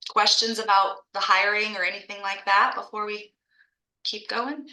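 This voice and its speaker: A woman's voice: medium pitch, steady tone, normal speed, bright, forceful tone, echoey room, low-quality recording. A woman who founded an art school franchise and teaches art, presenting on a video call in a chatty, enthusiastic way and often restarting her phrases.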